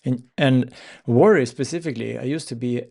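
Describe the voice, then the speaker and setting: Gravelly, halting man giving spiritual talk. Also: mid-range voice, a little mellow. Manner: halting, with pauses mid-phrase. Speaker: spiritual teacher. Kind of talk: informal spiritual talk with demonstration.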